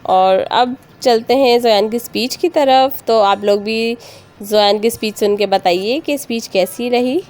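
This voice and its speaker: A woman's voice: fairly high pitch, unhurried. Pakistani mom narrating her vlog. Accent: Pakistani Urdu. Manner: friendly, storytelling, polite address to viewers. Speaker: vlog host and mother. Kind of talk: voice-over narration. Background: soft acoustic guitar music.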